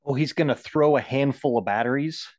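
A man's voice: mid-range voice, brisk, no echo. A man with a mid-range voice eagerly throws playful ideas into an improvised comedy chat. His voice is dry, with no room sound.

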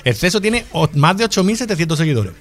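A man's voice: high-pitched, sing-song, quick pace. A man hosting a casual radio interview in a studio, chatty and informal. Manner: chatty, informal, says "tío". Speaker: radio host.

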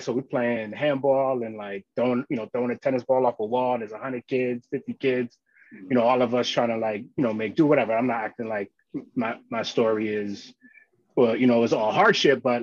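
A man's voice: medium pitch, no echo, highs cut off. New man, dry sound. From Queens and Long Island, New York. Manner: informal, peppers talk with "you know" and "right?". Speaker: interview guest, social worker in schools. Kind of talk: casual conversational interview.

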